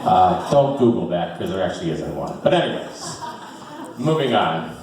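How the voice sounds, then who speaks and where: A man's voice: on the low side, very animated, normal speed, crowd noise. A man in his fifties doing a rambling, self-deprecating stand-up set, full of fillers, in front of a small live audience. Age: 50s. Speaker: stand-up comedian. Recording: echoey room from far off.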